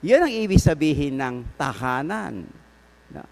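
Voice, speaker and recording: A priest with a Filipino accent preaching at a prayer meeting, mixing English and Tagalog and telling a story with rhetorical questions. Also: male voice, on the high side, sing-song, measured pace, vocal fry, in a large hall.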